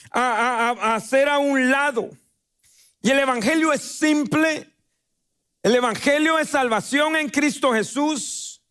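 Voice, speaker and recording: A very high, slightly bright male voice belongs to a pastor preaching in a church sanctuary. He speaks with a Guatemalan Spanish accent and stretches out words to give them emphatic weight.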